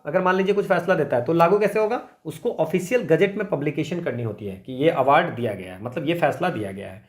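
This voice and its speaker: A man's voice: on the high side, expressive, fast. A man teaching an exam revision lecture, explaining step by step, asking rhetorical questions and checking in often with tag questions. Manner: frequent tag questions like "है ना" and "ठीक है".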